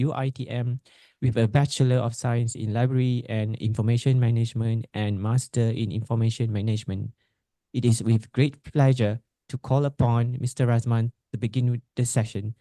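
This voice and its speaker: Male MC, Malaysian accent. Very warm, dark timbre, dry sound, formal scripted introductions. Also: medium pitch, steady tone, normal speed, no room sound. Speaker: master of ceremonies.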